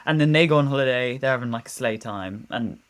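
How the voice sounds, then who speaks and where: A woman's voice: rumbling low, fast. A woman co-hosting a podcast, telling a ghost story in casual chat, giggly and rambling, swearing freely. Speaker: podcast co-host.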